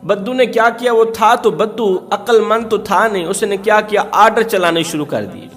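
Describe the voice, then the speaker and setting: Impassioned high-voiced male preacher. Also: a bit bright. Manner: impassioned, repeating phrases for emphasis. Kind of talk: emotional storytelling sermon. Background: faint music.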